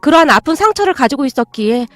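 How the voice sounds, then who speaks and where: A young woman narrating a scripted radio story in a steady, earnest way. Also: sits high, quick pace, no room sound. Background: faint music.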